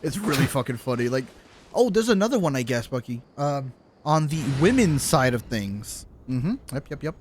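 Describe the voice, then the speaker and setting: This livestreamer talks through his game at a moderate pace, his mid-range voice rising and falling dramatically. The chat is casual, jokey and exclamatory, with plenty of cursing, over slight background noise.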